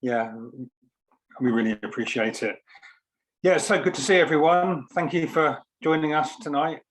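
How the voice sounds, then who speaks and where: A poet and scientist speaks informally at an online launch event for his book, in a slightly high voice at normal speed. He sounds hesitant and reflective, choosing careful hedges, and the audio is rough.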